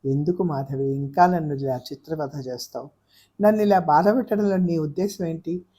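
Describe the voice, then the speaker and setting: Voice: mid-range voice, warm tone, close to an everyday voice. A reader voicing a hurt young man who pleads bitterly in an audiobook of a novel. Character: wounded young man pouring out grievances. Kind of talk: audiobook character voice.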